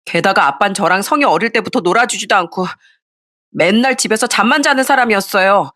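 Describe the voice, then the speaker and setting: A woman's voice: medium pitch, fairly quick, a bit bright, natural voice. A woman voicing an eleven-year-old boy who speaks up bluntly and earnestly for his mother, in an audio story reading.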